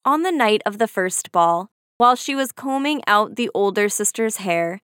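A woman's voice: mid-range voice, expressive, moderate pace, fairly bright tone, clean tone, dry recording. Woman narrating a fairy tale, dry close sound. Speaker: storyteller. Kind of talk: scripted storybook narration.

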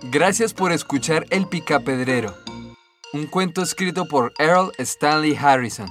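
A man narrating a fairy tale in a measured, clear storytelling cadence. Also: fairly high pitch, a bit bright, faint music behind.

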